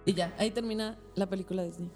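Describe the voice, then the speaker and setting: A woman's voice: mid-range voice, steady tone, fast, darkish tone, soft background music. A woman with a Mexican accent casually retelling a film plot as a podcast host, full of slang and loose rambling. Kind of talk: casual storytelling.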